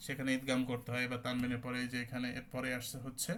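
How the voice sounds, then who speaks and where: A man teaching an online class on Quran recitation rules. He explains step by step, often checks whether listeners understand, and chants example words with drawn-out recitation. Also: medium pitch, monotone, fairly bright tone, a little hiss or hum. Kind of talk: online tajweed class lecture.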